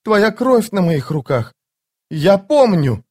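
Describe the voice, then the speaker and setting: A frightened young woman with a lost memory speaks high and breathless, lifting far above her usual pitch. A man voices her in an audiobook. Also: very animated, a little fast, a little mellow.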